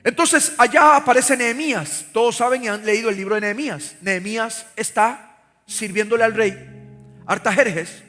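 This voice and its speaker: A man's voice: very high voice, normal speed, bright, forceful tone. A man preaching a live sermon in a church, fervently urging the congregation to repeat after him. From Costa Rica. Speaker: pastor. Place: large church sanctuary. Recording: reverberant hall with faint music.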